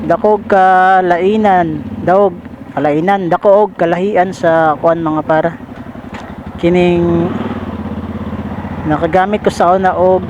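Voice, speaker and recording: A high-voiced Bisaya man, a Filipino delivery rider, chats to viewers he calls pals while riding his motorcycle through traffic, speaking informally and repeating phrases. He keeps a steady tone, goes slowly with long pauses, and the dull audio comes through a helmet intercom mic swamped by loud road noise.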